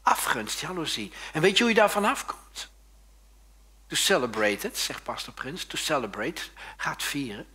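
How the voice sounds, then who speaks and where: A male pastor giving a sermon, lively and joking, often turning to the congregation with quick questions. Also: fairly high pitch, slightly rough.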